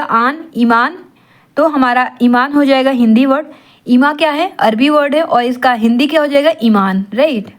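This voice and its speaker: A woman tutoring for an exam in Hindi, asking rhetorical questions and answering them herself, mixing in English terms. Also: high voice. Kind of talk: classroom-style exam lesson.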